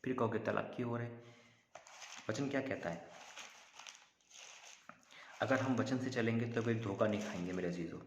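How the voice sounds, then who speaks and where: Male pastor, sermon and fervent prayer, low voice, church hall with long reverb. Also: normal speed, long pauses, slight background noise. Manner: preaching with rhetorical questions and repeated addresses to the father.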